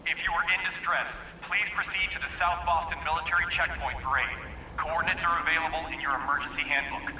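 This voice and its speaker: Fast formal army announcer blaring over a PA, kinda high, roomy echo. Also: male voice, steady tone. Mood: official. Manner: formal, clipped official recitation. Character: male military emergency broadcast announcer. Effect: over a PA loudspeaker. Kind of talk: recorded game announcement. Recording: echoey, noisy loudspeaker from afar.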